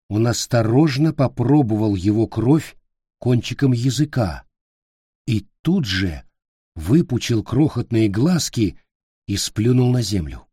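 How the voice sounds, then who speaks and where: A man narrating an audiobook at an unhurried, measured pace, his pitch rising and falling expressively. His voice is dark and mellow with a husky grain, recorded close and dry. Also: no room sound. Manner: measured storytelling. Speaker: audiobook reader. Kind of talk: scripted narration.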